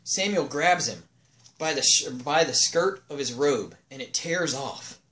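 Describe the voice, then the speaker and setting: A man leading a casual Bible study, acting out the people in the story and throwing in slangy asides. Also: a little high. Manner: animated, acts out the people in the story in quick paraphrase, slangy asides.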